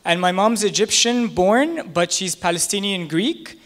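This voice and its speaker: An American stand-up comedian in his thirties performs on a small club stage into a handheld mic. His voice is high-pitched, expressive and slightly bright at a measured pace, and his delivery is conversational and self-deprecating.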